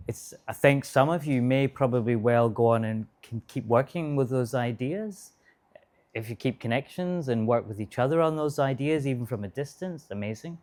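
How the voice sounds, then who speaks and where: A man, a course instructor, giving friendly, relaxed closing thanks to a class. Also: mid-range voice.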